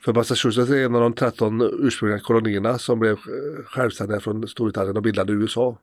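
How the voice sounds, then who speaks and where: A man from Sweden hosts a casual podcast about places, speaking hesitantly with frequent fillers and restarts. His voice is lowish and steady, in a dry, studio-quality recording.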